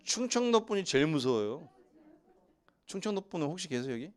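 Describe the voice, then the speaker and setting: A man's voice: fairly high pitch, a little fast. A male pastor from Seoul preaching a sermon in a church and joking with the congregation. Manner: joking with the congregation, lively asides. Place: church sanctuary.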